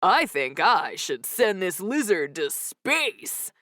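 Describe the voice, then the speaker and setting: A woman voicing a showy male wrestler who taunts the crowd in a loud, slow, hamming way. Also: mid-range voice, big pitch swings, no room sound, studio quality. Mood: showboating.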